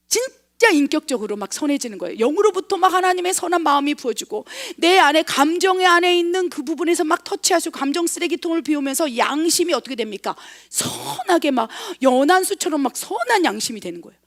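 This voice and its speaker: High-pitched middle-aged woman preaching, lots of "what happens then?" questions, goes loud then drops to a hush. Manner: emphatic preaching with frequent rhetorical questions; swings between loud stresses and hushed, near-whispered asides. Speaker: missionary pastor. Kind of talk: sermon.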